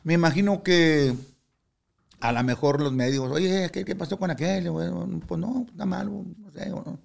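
A man's voice: high-pitched, moderate pace, gravelly, darkish tone. An older man, a guest in an interview, telling stories bluntly and candidly, swearing freely and acting out what others said. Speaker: guest musician. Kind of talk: casual interview storytelling.

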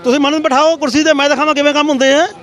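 Fast, high-voiced angry middle-aged man. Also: little pitch movement, fairly bright tone. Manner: angry, ranting, defiant. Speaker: party volunteer. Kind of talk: street interview.

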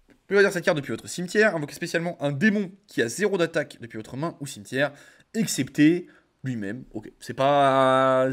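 Young man, casual card reviewer; reads the text, then slangy offhand reactions. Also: medium pitch. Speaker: card game content creator.

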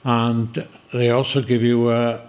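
Slow-spoken older man telling stories. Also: mid-range voice, level tone, darkish tone. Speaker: interviewee. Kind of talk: storytelling interview.

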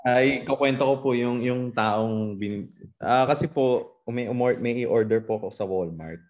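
A man's voice: mid-range voice, unhurried, darkish tone, lo-fi sound. A man with a Filipino accent politely telling a story to a group on a video call, often adding respectful particles. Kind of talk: casual testimony sharing.

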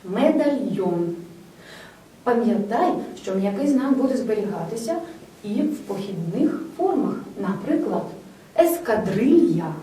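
A woman's voice: medium pitch, dark tone. A woman teaching a spelling lesson, reading out word lists one by one and asking whether the listener has memorized them. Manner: dictates word lists slowly, checks memory. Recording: very echoey room, distant mic, faint noise.

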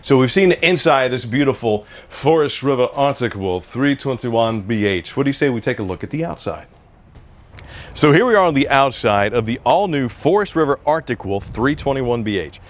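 A man's voice: medium pitch, expressive, moderate pace. A man in his forties presenting an RV on an outdoor sales lot, talking in a casual, upbeat salesman style into a lapel mic. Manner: upbeat, conversational salesman patter. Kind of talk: walkaround product review.

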